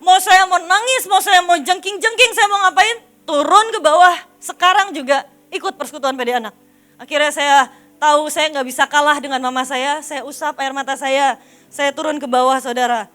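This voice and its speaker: Bright high-voiced woman preaching with animated storytelling. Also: moderate pace. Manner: animated storytelling, addressing the congregation as "saudara". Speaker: evangelist preacher. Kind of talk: sermon with childhood storytelling.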